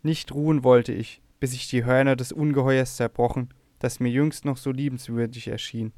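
A man voicing a despairing young princess abducted to a strange shore, lamenting and pleading a little louder than his narration. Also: medium pitch, flat delivery, moderate pace, clear, resonant tone, no room sound, lightly acted.

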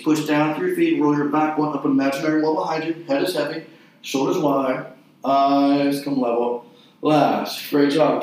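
A man leading an exercise class, giving short, clipped cues and counting repetitions in a measured rhythm. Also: a little high, darkish tone. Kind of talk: guided mat exercise instruction with counted repetitions. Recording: very echoey room, distant mic.

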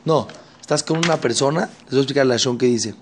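Animated man teaching a Torah lesson. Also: mid-range voice, fast. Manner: animated, acts out quoted people. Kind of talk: religious lesson.

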